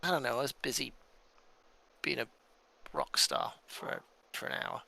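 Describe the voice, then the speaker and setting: A man joking around casually as a player in a tabletop game, often halting and restarting. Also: medium pitch, wildly swooping pitch, creaky, bright, forceful tone.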